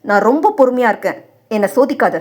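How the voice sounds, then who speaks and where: A woman's voice: on the high side, lively intonation, fast talker, a little mellow. Woman doing a furious, scornful husband. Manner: angry, scolding, cutting. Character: furious young husband, harsh and contemptuous.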